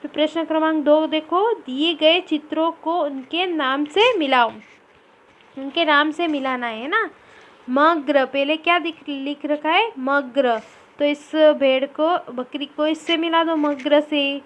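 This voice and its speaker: A woman with a high voice takes a primary school reading lesson. She sounds out each word syllable by syllable and says it twice so the children can copy her. She talks slowly and patiently. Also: fairly bright tone. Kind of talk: slow phonics lesson for children.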